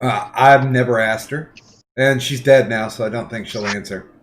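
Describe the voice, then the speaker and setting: On a podcast full of crude banter, a medium-pitched man speaks at a normal pace over a faint hiss or hum. He keeps stumbling into ums and restarts while landing his jokes with a straight face.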